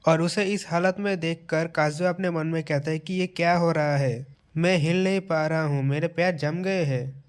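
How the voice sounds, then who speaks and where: A man's voice: fairly high pitch, steady tone, normal speed, smooth, lightly acted. A man voicing a panicked, flustered young man's inner thoughts, read in a near-everyday voice.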